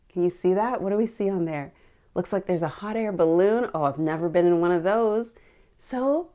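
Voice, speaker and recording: A woman runs a picture book storytime for young children, sounding encouraging and exclamatory as she asks her little listeners questions. Her voice is mid-range and a little mellow.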